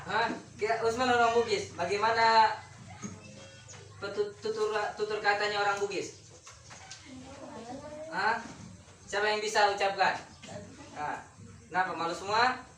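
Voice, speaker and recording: A woman's voice: medium pitch, steady tone, a little slow, long pauses, fairly bright tone, a little hiss or hum. Woman teacher quizzing a class. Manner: quizzes the class, repeats key words. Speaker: schoolteacher. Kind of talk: classroom lesson. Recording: roomy classroom heard from a distance.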